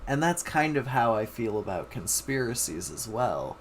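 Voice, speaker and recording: A man's voice: medium pitch, big pitch swings, moderate pace, a little hiss or hum. A man streaming casual reaction commentary, swearing freely and talking in sardonic, exaggerated exasperation. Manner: profane, hyperbolic, exasperated, sardonic.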